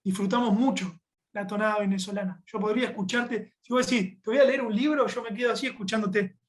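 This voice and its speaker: A man from Argentina with a Rioplatense Argentine Spanish accent, a podcast guest in casual conversation, relaxed and using voseo and local slang. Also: high-pitched, fast.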